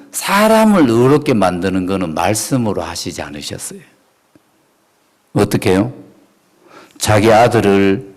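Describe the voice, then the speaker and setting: Animated male pastor preaching. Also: mid-range voice. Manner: emphatic, animated, asks the congregation questions, laughs often. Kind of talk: sermon.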